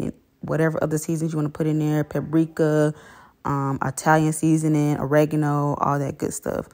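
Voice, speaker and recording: A woman giving relaxed, plain-spoken, step-by-step cooking instructions as a voice-over. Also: deep voice.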